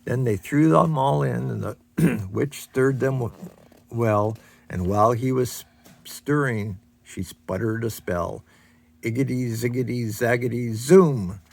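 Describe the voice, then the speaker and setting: Grandfather reading aloud to a child, average pitch, gravelly, chatty asides. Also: slow pace. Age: older. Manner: chatty asides about the pictures. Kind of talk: reading a picture book aloud.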